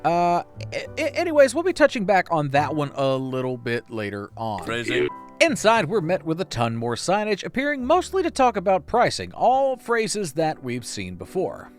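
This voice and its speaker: A man narrates a YouTube video essay in a fairly high, very animated voice at normal speed. The delivery is scripted yet playful, peppered with wry, self-deprecating asides, over soft music.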